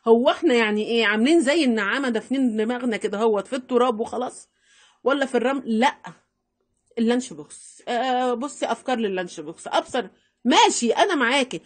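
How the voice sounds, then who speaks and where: A middle-aged woman with an Egyptian accent giving chatty, animated household money-saving advice, repeating herself for emphasis. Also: sits high. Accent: Egyptian Arabic. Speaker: home-economy vlogger. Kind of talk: casual advice talk to camera.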